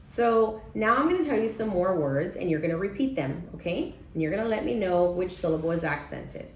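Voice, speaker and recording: Speaking a little fast in a fairly low, expressive voice, this female teacher leads a demonstration reading lesson, pausing patiently to ask her class "okay?" again and again. There's a touch of hiss or hum, and the echoey room carries faint background ambience.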